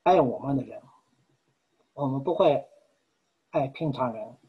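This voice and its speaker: Male preacher, husky, earnest and measured sermon delivery, dull lo-fi recording. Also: mid-range voice, expressive. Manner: earnest, measured, with frequent pauses.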